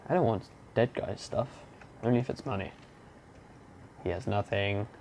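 A young man giving casual commentary while playing a game, muttering to himself and breaking into silly shouts and growls. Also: lowish voice, normal speed, vocal fry, slight background noise. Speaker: gamer playing through a game. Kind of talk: casual let's-play commentary.

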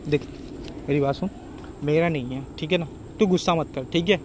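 Fast-talking man pleading and placating. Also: fairly high pitch, noisy background. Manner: pleading, placating, repeats himself. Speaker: prank video host. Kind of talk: staged couple argument.

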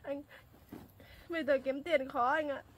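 A woman's voice: high voice, a little slow. A woman playing a desperate single mother who begs tearfully in a staged home drama. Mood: pleading. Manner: pleading, tearful begging. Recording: steady background noise.

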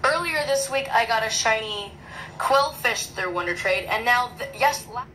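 A woman chatting casually through an unboxing vlog in her small bedroom, excitable and rambling, recorded on a phone camera. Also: a little high, normal speed, loud music behind the voice, rough recording. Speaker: vlogger.

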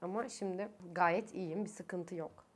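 A woman's voice: on the low side, fairly even intonation, measured pace. A young woman in her twenties chatting casually to camera from her bedroom while speaking through a face mask. She is tired and has a sore throat, coughs, laughs often, and her voice climbs when she gets annoyed. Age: 20s. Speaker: vlogger. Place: her own bedroom, indoors.

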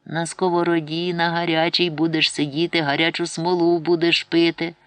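Stern pious village mom scolding her boy, as a guy reading puts her on, higher pitched voice, audiobook. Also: little pitch movement, normal speed, smooth, no room sound, lightly acted. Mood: stern warning. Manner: scolding, threatening with hellfire.

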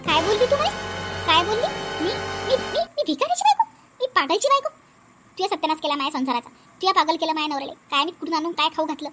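A woman's voice: high voice, quick pace, a bit bright, faint music behind. A woman voicing a proud middle-aged sister-in-law who scolds shrilly. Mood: indignant.

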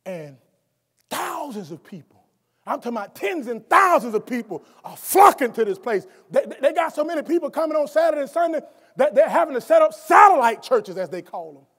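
A middle-aged male guest preacher with a high, bright voice, delivering a sermon from a lectern in a college chapel. He drops to calm teaching, then climbs into shouted emphasis, stumbling and restarting as he goes. The big room adds a long, ringing reverb. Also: brisk. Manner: swings from quiet explanation to shouted emphasis; stumbles and restarts often when speaking off the cuff. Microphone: lectern microphone, wide camera.

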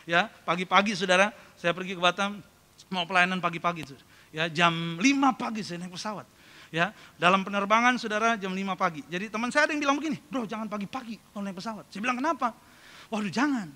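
A man preaching a sermon to his congregation, telling funny anecdotes in a lively, jokey way and often addressing them directly. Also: sits high, fast talker. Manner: jokey storytelling, calls congregation "saudara". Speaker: pastor. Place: large church hall. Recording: long reverb of a church hall.

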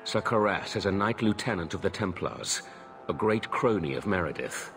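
Low, formal knight. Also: male voice, lively intonation, over music. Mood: grave, earnest. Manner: formal, grave, measured. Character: earnest, stern, honorable armored knight templar. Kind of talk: video game voice acting.

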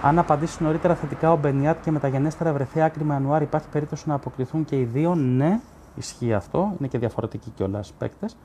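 A man's voice: fairly high pitch, dark tone, slight background noise. A man hosting a live stream as a sports journalist, reading viewer comments aloud in casual commentary and arguing bluntly with them, with many fillers and restarts.

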